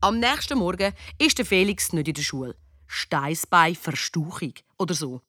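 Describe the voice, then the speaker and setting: Lively Swiss German woman narrating. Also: on the low side, moderate pace, no echo, clean studio sound, faint music behind. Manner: lively, cheeky, animated. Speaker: audiobook reader. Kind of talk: first-person storybook narration.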